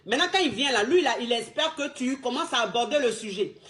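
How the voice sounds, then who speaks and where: High-voiced woman coach. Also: animated, fast, fairly bright tone. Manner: emphatic, repetitive street-slang delivery. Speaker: relationship coach. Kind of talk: casual advice monologue.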